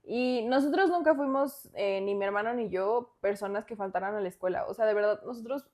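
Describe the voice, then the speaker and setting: A young woman with a Mexican accent telling a personal story on a podcast in a chatty, animated way, full of fillers. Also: medium pitch, brisk. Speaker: podcast co-host. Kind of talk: casual storytelling.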